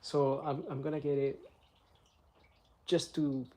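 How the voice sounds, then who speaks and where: Medium in pitch and taking it slowly, a middle-aged man whose first language is Spanish walks live chat viewers through servicing a car step by step. He's a car maintenance vlogger with a chatty, relaxed manner.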